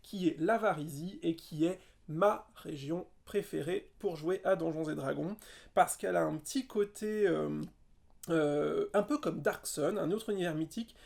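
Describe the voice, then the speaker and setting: A man's voice: fairly high pitch, creaky, darkish tone. A man co-hosting a podcast, chatting enthusiastically and playfully about tabletop games. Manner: enthusiastic, playful, quick asides. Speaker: podcast co-host.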